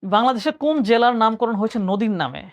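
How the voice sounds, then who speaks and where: Speaking fast and expressively at a medium pitch, a young adult teacher with a Bangladeshi Bengali accent delivers an admission exam lesson on a dry recording. They voice each question, then reason through the answer step by step, often correcting themselves along the way.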